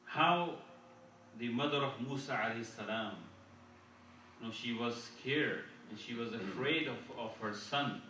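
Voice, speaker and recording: Speaking at an Islamic conference, a man delivers a sermon in a mosque hall, earnestly repeating and restarting phrases and reciting Arabic verses quickly. His mid-range voice sounds pushed and bright, picked up from far away in a very echoey hall with a little hiss or hum.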